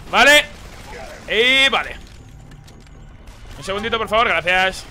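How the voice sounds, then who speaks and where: A man doing live gameplay commentary as a streamer, excitable and swearing as he reacts to the game. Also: high-pitched, normal speed. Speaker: gaming streamer.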